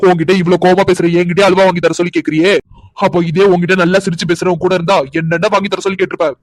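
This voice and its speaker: A man's voice: high voice, little pitch movement, racing, no room sound, lightly acted. A man voicing a sneering, harsh young husband. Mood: scornful anger. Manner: scolding, sneering tirades. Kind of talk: cartoon drama voice acting.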